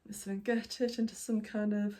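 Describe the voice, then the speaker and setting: A woman's voice: medium pitch, level tone, fast, dark tone. A woman hosting a knitting podcast, chatting casually and meandering with lots of ums and apologies while she shows her projects. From United Kingdom. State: hiccuping. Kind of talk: casual show-and-tell vlog.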